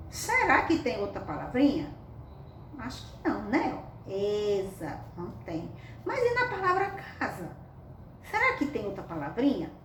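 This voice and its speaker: A woman teaching a reading lesson to young children, with affectionate, sing-song coaxing questions. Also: fairly high pitch. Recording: echoey room, mic at a distance, faint background noise.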